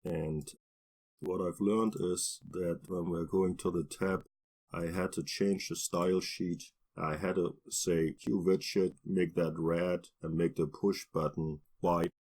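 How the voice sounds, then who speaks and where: A man narrating a screen-recorded programming tutorial, walking through each step plainly with frequent pauses and restarts. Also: deep voice, steady tone, darkish tone, husky. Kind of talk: screen-recorded coding walkthrough.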